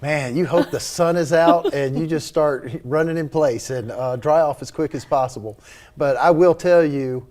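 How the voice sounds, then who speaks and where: A man's voice: on the high side, moderate pace, darkish tone. Casual, earnest man being interviewed. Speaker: interview guest, charity leader.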